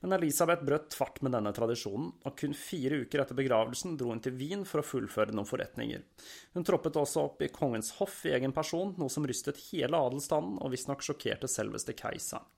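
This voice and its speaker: A man's voice: medium pitch, animated, vocal fry, darkish tone, husky. Man narrating a history podcast. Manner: measured storytelling.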